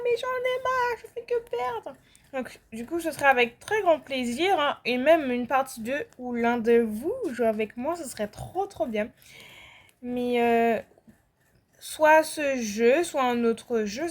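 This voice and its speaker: A young woman with a French accent chats casually as she plays, her voice sitting high. She rambles through fillers and restarts and breaks into sudden outbursts. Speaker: gaming vlogger. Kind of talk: casual chat while playing.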